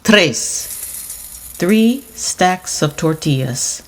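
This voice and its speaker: A woman's voice: lowish voice, lively intonation, extremely slow, heavily acted. A woman voicing an impatient male skeleton who counts emphatically in a storybook trickster tale. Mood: measured counting.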